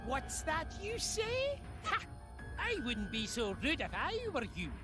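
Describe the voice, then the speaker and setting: A woman's voice: sits high, huge pitch swings, a little slow, over music, exaggerated voice. A woman playing a mad genius villain in a video game cutscene, gloating theatrically in a mustache-twirling manner. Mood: threatening.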